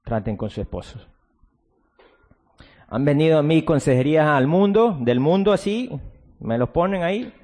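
A man preaching a sermon as pastor, switching between a low, hushed delivery and sudden loud outbursts with drawn-out emphasis, sometimes mocking soft-spoken replies. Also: lively intonation, big-room sound. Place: church.

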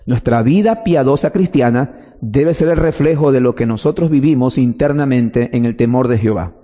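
A man's voice: medium pitch, moderate pace, mellow. Man preaching in a reverberant hall. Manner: explains step by step, asks and answers his own questions. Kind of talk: sermon teaching.

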